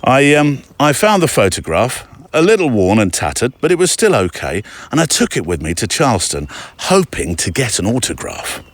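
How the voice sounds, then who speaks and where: A man hosting a podcast, reading a listener's letter aloud in a chatty, digressive way with quick asides. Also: medium pitch, big pitch swings. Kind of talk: casual storytelling read-aloud.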